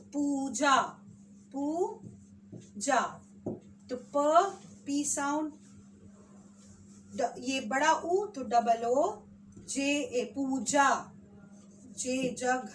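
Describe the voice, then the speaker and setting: A woman teacher with an Indian accent, slowly sounding out words for children in a spelling lesson. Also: high-pitched, far from the mic, a little hiss or hum. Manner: slow, drawn-out sounding of words.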